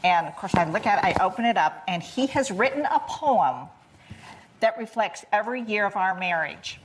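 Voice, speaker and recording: A woman's voice: mid-range voice, lively intonation, normal speed, slight background noise, poor audio. An older woman, a guest on a talk show, telling a heartfelt story and choking up as she speaks. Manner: emotional, tender storytelling. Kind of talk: casual chat.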